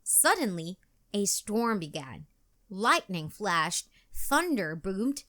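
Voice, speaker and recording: A woman narrating a children's picture book aloud and asking discussion questions, with slow, expressive, sing-song storytelling. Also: medium pitch. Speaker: storybook reader.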